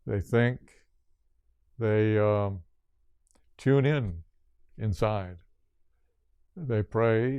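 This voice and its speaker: An older man giving a spiritual yoga talk, speaking slowly and deliberately in short listed phrases. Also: fairly low pitch, mellow, clear, resonant tone, no echo, clean studio sound. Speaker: yoga teacher.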